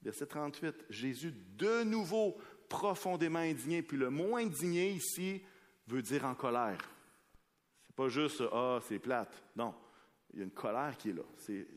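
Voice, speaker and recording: Québécois preacher in an echoing hall. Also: male voice, mid-range voice, animated, normal speed. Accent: Québécois French. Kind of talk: sermon with scripture reading. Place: church hall before a congregation. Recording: long reverb of a large hall.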